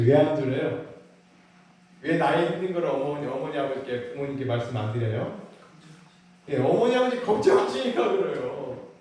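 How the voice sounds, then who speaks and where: A man's voice: on the high side, darkish tone. A middle-aged male pastor preaching a sermon, telling a childhood story and asking the congregation rhetorical questions. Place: church sanctuary. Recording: very echoey church hall from a distance, faint noise.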